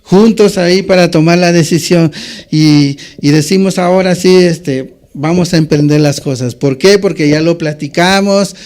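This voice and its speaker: Man preaching in a high voice. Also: moderate pace, a little mellow. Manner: conversational preaching, constant tag questions, frequent fillers and restarts. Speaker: pastor. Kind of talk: sermon.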